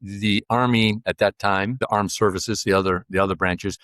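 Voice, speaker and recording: An American man in his sixties, appearing as a podcast guest, rambles casually through an interview, full of fillers and restarts. His lowish voice has a fairly bright tone, fairly even intonation and a moderate pace, captured in a dry, clean studio recording.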